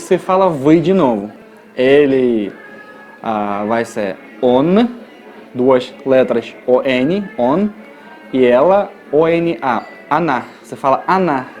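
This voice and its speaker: A man's voice: mid-range voice, darkish tone, faint music behind. Russian-accented man teaching phrases. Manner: joking, slow repeated model words. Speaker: language guide. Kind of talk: casual phrase lesson.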